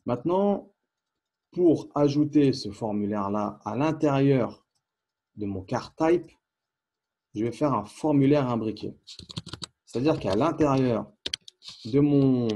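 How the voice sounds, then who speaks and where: A man giving a casual screencast programming lesson, thinking aloud with fillers and quick asides as he types. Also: mid-range voice, dull audio, noisy background. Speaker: programming instructor. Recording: faint keyboard clicks behind.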